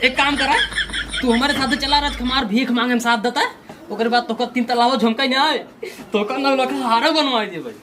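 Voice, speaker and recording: A young village husband calms and pleads in rustic Awadhi speech, as a woman puts him on. The voice is fairly high, with clear background noise in the recording. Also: a little fast, close to an everyday voice. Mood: pleading. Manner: soothing, pleading. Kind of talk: village comedy sketch. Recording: noisy homemade recording.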